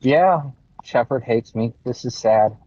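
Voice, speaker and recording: A slow-talking man sounding muffled, as if through a wall, his voice dull and lo-fi over voice chat from a car. He jokes around easily in relaxed banter. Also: mid-range voice, dry recording. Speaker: guest joining a game stream by voice chat. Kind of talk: casual chat. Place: inside a car.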